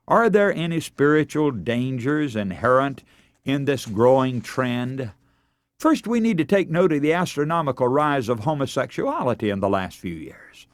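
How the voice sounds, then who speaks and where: An American radio preacher and broadcast host delivers a scripted sermon in a formal, emphatic, oratorical style. His voice is medium in pitch, recorded at studio quality with no room sound.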